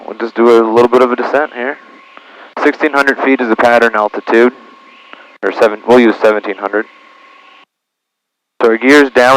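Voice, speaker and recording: This vlog features a man flying a small plane who talks himself through checklists and procedures while making radio calls. His voice is mid-range, heard through a cockpit aviation headset, and the audio quality is poor.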